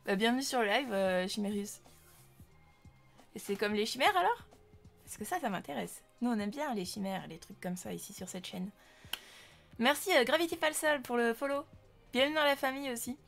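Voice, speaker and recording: A woman's voice: a little high, expressive, moderate pace, gravelly, pauses often, a bit bright, soft background music. A young woman from France streaming live, chatting casually with viewers and greeting them with many fillers. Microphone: desk microphone.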